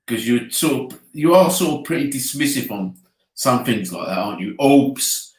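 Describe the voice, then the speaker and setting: A man with an Essex accent co-hosting a live podcast, teasing and animated. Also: mid-range voice, normal speed. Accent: Essex English. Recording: roomy echo.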